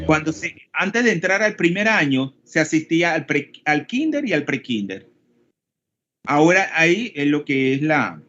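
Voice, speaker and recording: A man's voice: fairly high pitch, fairly bright tone. Panamanian man teaching an online class. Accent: Panamanian Spanish. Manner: explanatory, often checks in with the class. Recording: dull lo-fi call audio.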